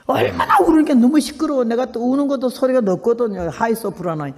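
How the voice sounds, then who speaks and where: A woman's voice: a little high, big pitch swings, fast, a little mellow, in a large hall. An older woman in her eighties, a missionary giving a testimony sermon, telling her story with fervent emphasis and acting out the people in it. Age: 80s. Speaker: missionary preacher.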